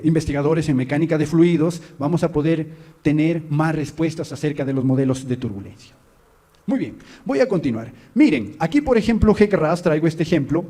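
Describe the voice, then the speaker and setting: A man's voice: on the high side, mellow. A man, presenting research to an audience in an explanatory way and often checking in with listeners. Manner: explanatory, addresses listeners directly, frequent "¿no?" tags.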